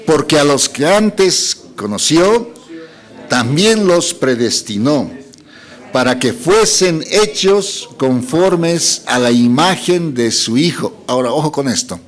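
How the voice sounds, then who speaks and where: A man's voice: on the high side, animated, slow. A man preaching a sermon, reading scripture aloud and putting questions to the congregation.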